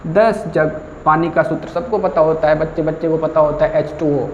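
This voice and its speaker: Guy teaching, keeps asking then answering himself, high voice, echoey dull recording. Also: steady tone, normal speed. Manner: asks and answers his own questions, repeats lines. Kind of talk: tutorial lesson with story mnemonics. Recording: echoey, dull lo-fi room with faint noise.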